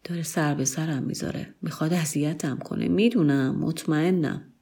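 A woman's voice: lowish voice, animated, a little mellow, husky. A woman voicing a bewildered middle-aged man who anxiously mutters under his breath while searching for his wife.

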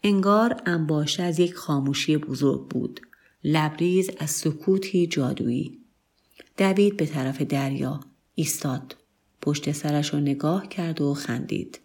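Low-voiced woman reading a story. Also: slightly rough. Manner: calm, measured reading. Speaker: narrator.

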